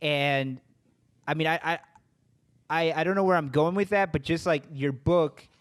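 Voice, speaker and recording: A man's voice: fairly high pitch, moderate pace, smooth. A man hosting a podcast interview, talking in a rambling, hesitant way and repeating words. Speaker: podcast host.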